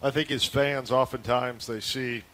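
A man hosting a sports radio show, asking questions and reading promos with a smooth announcer delivery. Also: mid-range voice, fairly even intonation, measured pace, fairly bright tone.

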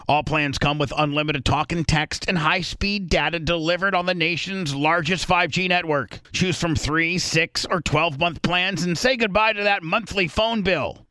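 A man's voice: a little high, pushed and bright, no echo. A man hosting a talk show, speaking in a casual, direct style. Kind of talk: casual opinionated talk and ad reads.

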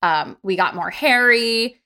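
A woman's voice: a little high, slow, pushed and bright, clear, resonant tone. A woman co-hosting a podcast, chatting casually with wry, sarcastic quips. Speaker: podcast co-host. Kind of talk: casual chat.

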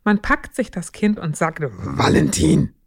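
Woman giving lively parenting advice. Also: mid-range voice, moderate pace. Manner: warm, animated, acts out little scenes with parents and children. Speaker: parenting expert guest. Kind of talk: casual podcast advice talk.

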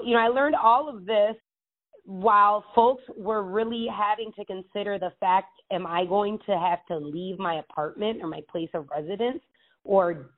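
Woman, state legislator, earnest, rambling, lower voice, phone-line sound. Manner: earnest, rambling with many restarts. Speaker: state legislator, interview guest. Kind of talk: casual interview answers. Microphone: phone call.

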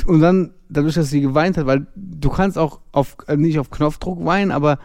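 A man's voice: on the high side, normal speed, dry recording. Young male podcast co-host, casual slangy storyteller, dry close sound. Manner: slangy, lively storyteller acting out dialogue.

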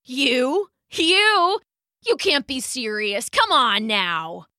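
A woman's voice: high-pitched, big pitch swings, very slow, sharp tone, dry recording, clean studio sound, exaggerated voice. A woman doing a big proud storybook lion. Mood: scoffing. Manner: mocking laughter, pained yowling. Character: big shaggy male lion, proud then whining.

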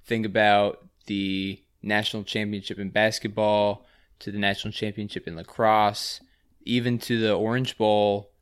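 Young man, from virginia, lowish voice, easygoing, casual podcast chat. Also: flat delivery, normal speed, clear, resonant tone. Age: 20s. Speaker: podcast co-host.

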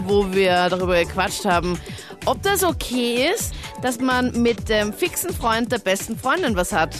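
A woman with an Austrian accent hosting a radio show, chatty and upbeat as she wraps up and invites listeners to write in. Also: a little high. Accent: Austrian German. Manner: bubbly, chatty, laughs along. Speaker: radio host.

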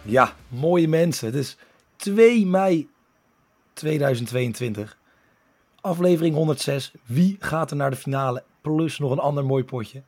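Hoarse man hosting a football podcast. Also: on the high side, expressive, measured pace, a little mellow. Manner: talkative, many fillers and restarts while explaining. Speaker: podcast host. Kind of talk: casual football podcast chat.

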